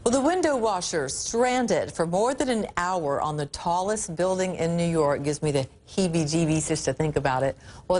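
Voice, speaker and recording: Low-voiced woman reading the news. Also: darkish tone. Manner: chatty asides between news items. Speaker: news anchor. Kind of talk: read news copy. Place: TV studio.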